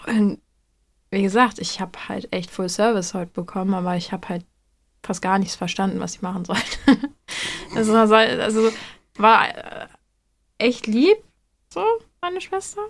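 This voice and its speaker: A woman's voice: medium pitch, lively intonation, unhurried. A young woman from Hamburg telling a story in casual chat, chatty and giggly. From Hamburg, Germany.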